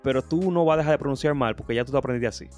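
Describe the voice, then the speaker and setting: A man's voice: mid-range voice, rapid-fire, darkish tone, faint music behind. A young man, co-hosting a casual podcast, joking and swearing freely. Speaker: podcast co-host, teacher.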